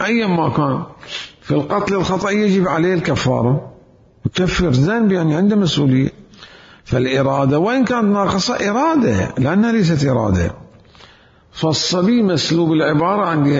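A man giving an Islamic jurisprudence lecture, asking rhetorical questions and repeating key words for emphasis. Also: fairly high pitch. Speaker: seminary teacher. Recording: echoey hall, dull lo-fi sound.

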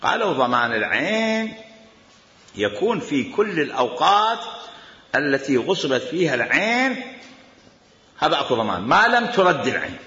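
A man's voice: a little high, sing-song, normal speed, pauses often, pushed and bright. A man with an Iraqi accent teaching Islamic law, arguing his point, repeating quoted commands and firing off rhetorical questions. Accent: Iraqi Arabic. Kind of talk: jurisprudence lecture. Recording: echoey hall, dull lo-fi sound.

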